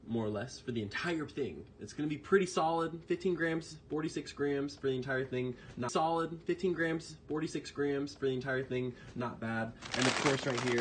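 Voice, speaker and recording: A man's voice: mid-range voice, very noisy. Chatty trainer man filming on his phone. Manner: rambling, loose and chatty with many fillers. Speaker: personal trainer. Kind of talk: casual grocery haul vlog. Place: home kitchen, indoors. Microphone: handheld phone camera.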